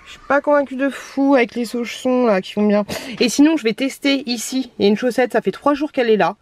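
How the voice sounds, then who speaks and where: A woman's voice: fairly high pitch, fast, darkish tone. Chatty woman vlogging at home. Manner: chatty, grumbling, often drops to a half-whisper. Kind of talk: casual vlog chat to camera.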